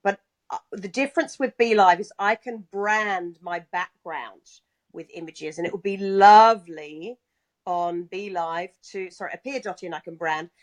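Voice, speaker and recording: A woman's voice: lowish voice, normal speed. Chatty, polite woman on a live call. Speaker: guest relaying community questions. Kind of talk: casual chat.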